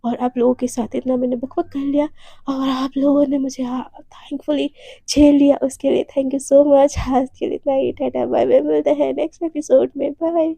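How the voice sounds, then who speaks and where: A woman's voice: sits high, level tone, normal speed, creaky, mellow, no room sound. A talkative woman telling a romance story in a casual way to her channel's listeners. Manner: chatty, talkative.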